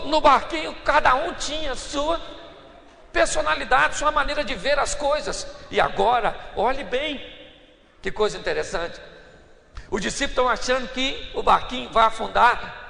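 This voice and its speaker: A man preaching a sermon as a pastor, telling stories in an animated way. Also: very high voice, normal speed, vocal fry, slight background noise. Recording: echoey church hall reverb.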